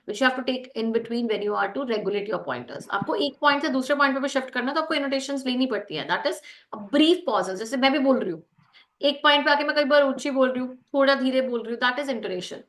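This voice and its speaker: A woman with an Indian accent giving brisk corrective feedback and a lecture on a video call, mixing Hindi and English. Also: sits high, animated, a bit bright. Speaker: group discussion trainer.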